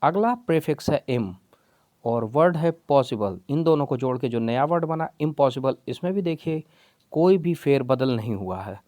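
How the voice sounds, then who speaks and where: A man's voice: medium pitch, lively intonation, moderate pace, mellow, dry recording. Patient male spelling teacher. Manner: patient, step-by-step, addresses viewers as friends. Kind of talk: explaining a lesson in Hindi.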